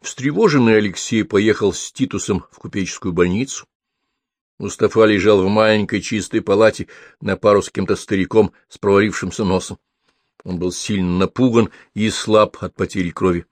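A man reading an audiobook in an even, storytelling manner. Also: fairly low pitch, moderate pace, no room sound, clean studio sound. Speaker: audiobook narrator. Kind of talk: scripted narration.

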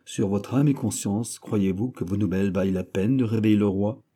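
A man's voice: lowish voice, normal speed, mellow, slightly rough. A man voicing an old male servant in an audiobook, with a weak, cracked voice, polite and patiently questioning. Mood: cautious.

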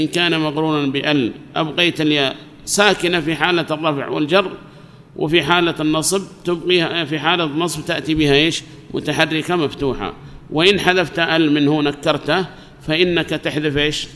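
A man's voice: a little high, fairly even intonation, a bit bright. Man teaching grammar in a reverberant hall. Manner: explains slowly, asks the class questions and answers them himself. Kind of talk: classroom lesson. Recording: long hall reverb, faint background noise.

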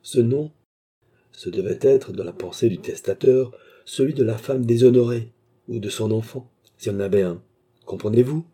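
A man's voice: mid-range voice, normal speed, warm tone, breathy edge, pitched above the performer's own voice, lightly acted. A man voicing a cold, scheming male baronet who dominates the man he is speaking to, in an audiobook reading. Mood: cold, commanding.

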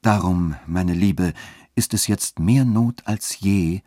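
A man reading a story aloud and voicing a scheming, smooth-talking church dean who shifts between insistence and soft coaxing. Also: low-pitched, slow pace, no echo, studio quality. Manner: insistent, then softly coaxing. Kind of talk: literary reading.

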